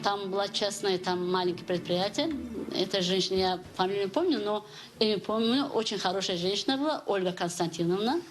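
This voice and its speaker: Tajik-accented woman teacher, halting speech. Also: medium pitch, slight background noise. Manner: halting, non-native phrasing.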